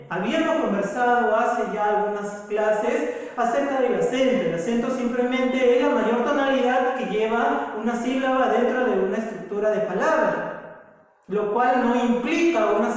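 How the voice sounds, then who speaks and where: A woman from South America teaching a recorded grammar lesson, explaining patiently, repeating examples and checking in with the listener. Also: fairly high pitch. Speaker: language teacher. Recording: echoey room with long reverb.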